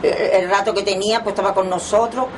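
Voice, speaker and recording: A woman's voice: mid-range voice, steady tone, quick pace, a little hiss or hum. Elderly woman reminiscing. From Torremolinos, Spain. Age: 90s. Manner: rambling reminiscing with frequent restarts. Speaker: oral history interviewee. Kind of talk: oral history interview.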